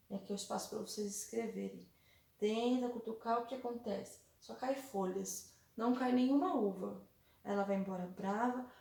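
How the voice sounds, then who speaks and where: A Brazilian woman teacher explaining a workbook to young children, patiently repeating and slowly spelling out examples. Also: mid-range voice, creaky, a little mellow, distant mic. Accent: Brazilian Portuguese. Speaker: primary school teacher. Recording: echoey room, voice set back from mic.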